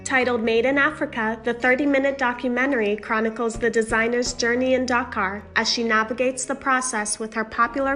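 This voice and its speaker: A woman reporter with a bright, fairly high voice reads a news voice-over in a clear, measured way. Faint music plays underneath her. Her reading has the steady pacing of a news script.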